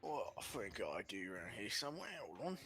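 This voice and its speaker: A man narrating a tabletop game as game master, improvising haltingly as he describes scenes. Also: lowish voice, sing-song.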